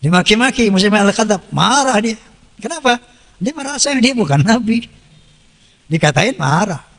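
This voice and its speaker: A man's voice: high-pitched, animated, normal speed, fairly bright tone, in a large hall. A man preaching a sermon, quoting verses and translating them, and asking his listeners rhetorical questions. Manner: quotes and translates scripture, asks audience rhetorical questions.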